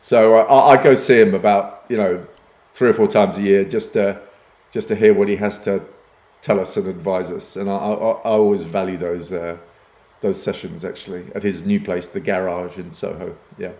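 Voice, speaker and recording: A low, warm, fairly even voice at moderate pace belongs to an older advertising executive who grew up in East Africa, in Uganda and Kenya. Guesting on a podcast interview in a roomy space, he keeps restarting sentences and making self-deprecating remarks.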